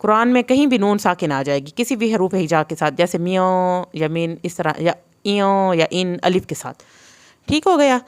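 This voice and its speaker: A woman teaching Quran recitation in an online lesson, patiently spelling out letter sounds and slowing down to model each one. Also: on the low side, expressive, smooth.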